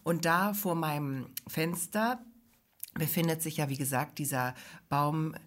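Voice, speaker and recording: A woman with a somewhat low voice, chatting casually as a podcast co-host. She rambles playfully, mocks herself, and drifts from one silly tangent to the next. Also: a little slow. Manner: rambling, playful, self-mocking. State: recovering from illness. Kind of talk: casual comedic chat.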